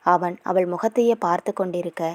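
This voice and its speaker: A woman's voice: fairly low pitch, fairly even intonation, brisk, darkish tone. A woman narrating a romance novel as a story, reading all the characters' lines in her own voice with small shifts.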